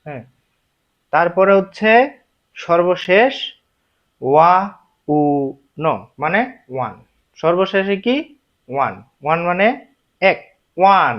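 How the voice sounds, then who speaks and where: A man's voice: sits high, animated, slow, pauses often. A man teaching Japanese script step by step, explaining each stroke and repeating the syllables aloud. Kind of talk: slow step-by-step lesson. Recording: dull lo-fi recording.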